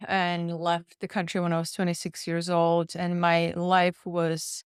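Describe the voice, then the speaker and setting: A woman's voice: lowish voice, completely flat delivery, measured pace, clean tone, no echo, studio quality. A woman from Slovakia, a podcast guest telling her personal story in an earnest, reflective way. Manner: earnest, reflective, repeats words while thinking. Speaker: guest, nutritionist and pharmacist.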